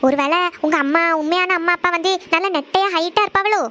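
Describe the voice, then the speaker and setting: A woman's voice: very high voice, fast, sharp tone. A woman voicing a teasing, mischievous older college-girl sister. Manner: teasing, playful.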